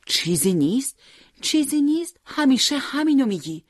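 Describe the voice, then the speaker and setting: A reader voicing a worried, tender middle-aged mother who coaxes and scolds gently, in an audiobook character reading. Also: mid-range voice, expressive, dry recording, studio quality, pitched above the performer's own voice, lightly acted. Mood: reproachful. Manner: gently coaxing, scolding when pressed.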